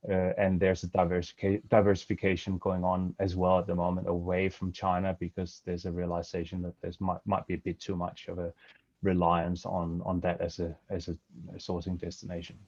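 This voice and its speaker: Here a Danish-accented, middle-aged man from Denmark presents as a guest on a webinar, talking through a headset at home. He sits low and monotone with a darkish tone and a fairly quick pace, yet hesitates constantly with fillers and restarts. The audio is dry and dull, typical of a video call.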